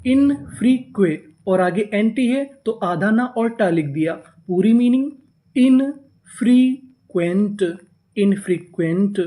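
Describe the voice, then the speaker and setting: A man teaching a class on reading English words, patiently spelling out letters, asking questions back and repeating each word slowly. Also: sits high, dark tone. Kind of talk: step-by-step spoken lesson.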